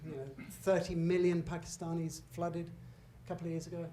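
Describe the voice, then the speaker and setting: A man's voice: on the high side, flat delivery, brisk, warm tone. Middle-aged man, guest lecturer, chatty and emphatic, roomy hall with faint background hum. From Britain. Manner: conversational and emphatic, with asides and self-corrections. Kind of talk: public lecture with slides. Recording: echoey hall, faint room noise.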